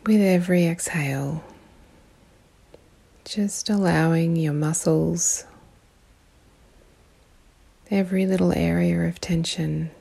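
A woman guides a meditation in a calm, meditative tone, her low voice mellow and gravelly with soft, breathy edges. She speaks in short phrases separated by long, unhurried pauses.

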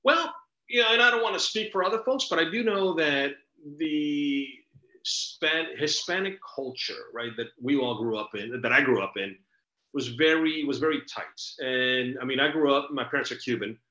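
A man's voice: fairly high pitch, normal speed, sharp tone. A middle-aged man from El Salvador, hosting a podcast and telling stories in an earnest, expansive, conversational way. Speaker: podcast host. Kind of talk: casual conversation. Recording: roomy, dull lo-fi recording.

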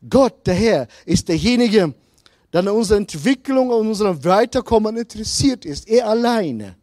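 Middle-aged male pastor, sermon, slow and emphatic; high voice, very animated pitch. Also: no room sound, studio quality. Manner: slow, emphatic preaching that swings from loud to hushed.

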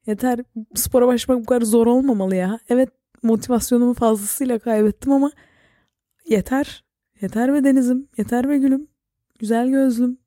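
A young woman hosting a casual solo podcast, rambling and self-mocking with quick jokey asides. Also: mid-range voice, mellow, no echo, clean studio sound. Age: young adult. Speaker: podcast host and YouTuber.

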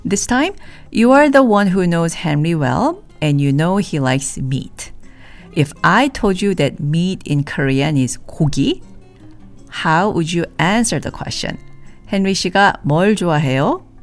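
A woman with a lowish, expressive voice leads a scripted language lesson for a podcast, with faint music playing behind her. She delivers example phrases slowly and distinctly for the audience to say back.

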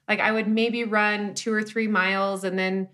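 A woman's voice: medium pitch, little pitch movement, normal speed, a bit bright. A woman in her thirties, a guest speaking candidly and rambling a little, with many restarts and "like" as she talks. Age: 30s. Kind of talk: casual conversational interview.

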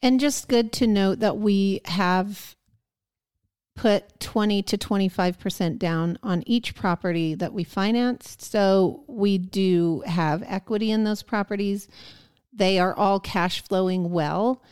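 A woman's voice: medium pitch, slow, a little mellow, smooth. A middle-aged woman co-hosting a casual chat, explaining things in a plain, matter-of-fact way. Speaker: podcast co-host.

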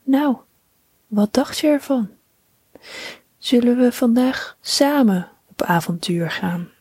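A sweet male koala from a bedtime storybook, as a woman puts him on speaks in a hushed, breathy whisper lifted a little higher than her own voice. He sounds kind and inviting, slow and close to the ear. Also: animated, no room sound, exaggerated voice. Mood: friendly. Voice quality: soft whisper. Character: gentle friendly male koala.

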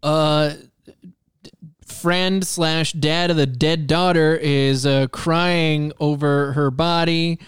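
A man with a slightly high, smooth voice rambles through a TV episode recap, slipping into the characters' lines between fillers. The sound is dry and close. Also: steady tone, slow pace, no room sound. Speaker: podcast co-host recapping a TV episode. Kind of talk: casual chat.

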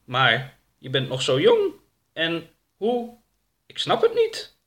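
Male narrator playing a gentle, earnest odd creature; high, lively lines in a storybook. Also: slow, full character voice. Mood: shocked. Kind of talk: storybook reading.

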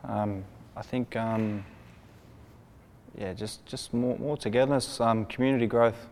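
A man's voice: mid-range voice, steady tone, a little slow, darkish tone, slight background noise. A young Australian man of twenty-five speaking hesitantly on a youth panel. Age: 20s. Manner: hesitant, many fillers. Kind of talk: casual discussion.

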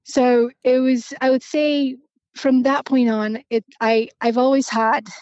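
As a podcast guest in a conversational interview, a Romanian-born financial planner in her forties reflects on her story, pausing often with ums and restarts. Her fairly high voice stays level and even. The audio is dry and slightly muffled, with no room sound.

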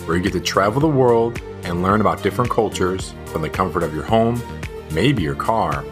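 A man's voice: deep voice, lively intonation, moderate pace, music in the background. A man hosting an educational podcast, giving an upbeat, welcoming scripted intro. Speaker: podcast host.

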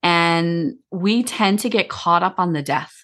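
A woman's voice: on the low side, unhurried, a bit bright. A woman grief counselor talking casually in an interview, explaining in long run-on sentences.

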